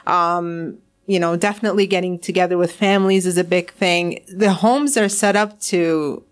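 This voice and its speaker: A woman's voice: fairly low pitch, steady tone, moderate pace. A young woman from Syria, a radio guest talking enthusiastically in a casual interview, with lots of fillers and restarts.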